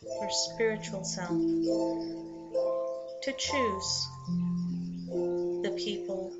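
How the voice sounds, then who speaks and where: A woman guides a meditation at a slow, measured pace, soothing and unhurried, pausing between short phrases. Her mid-pitched voice comes through a slightly dull recording, with music playing loudly behind it. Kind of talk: guided meditation, scripted narration. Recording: muffled lo-fi sound under loud music. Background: loud background music.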